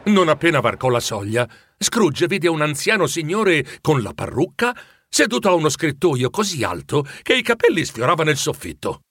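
Animated man narrating a storybook. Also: fairly high pitch, moderate pace, breathy edge, dry recording, clean studio sound. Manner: expressive, animated.

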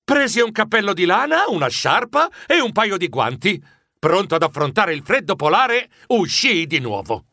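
A man narrating a children's story in an expressive, dramatic first-person style. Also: sits high, normal speed, dry recording, studio quality. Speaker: audiobook narrator.

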